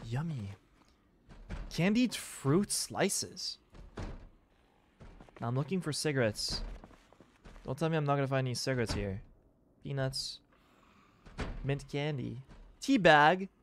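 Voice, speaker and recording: A man's voice: medium pitch, animated, normal speed, pauses often, fairly bright tone, a little hiss or hum. A man streaming a game, chatting casually to viewers and exclaiming over the items he finds. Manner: chatty, exclaims at found items, teases chat. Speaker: livestreamer. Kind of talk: casual gameplay commentary.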